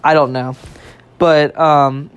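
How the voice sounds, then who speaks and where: A young adult podcast storyteller, animated and loose, dropping swear words and laughing along. The voice is mid-pitched, and the delivery is casual chat. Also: slow pace, clean tone, highs cut off. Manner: animated, swears freely, laughs while telling.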